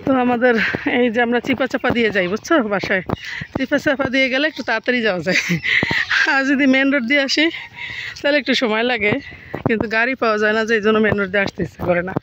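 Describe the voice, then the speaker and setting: A woman from Bangladesh vlogging as she walks along a village road, speaking quietly and a little muffled by a face mask. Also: fairly high pitch, racing, background noise. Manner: soft-spoken, talks quietly in public. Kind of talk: casual walking vlog.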